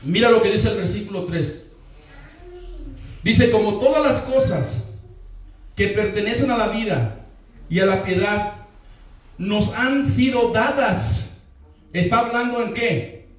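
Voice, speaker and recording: High-voiced pastor preaching in an echoey hall. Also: male voice, slow, long pauses. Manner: repeats key lines and calls for congregation responses. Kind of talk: sermon. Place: church sanctuary. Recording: echoey hall, voice from far off the mic.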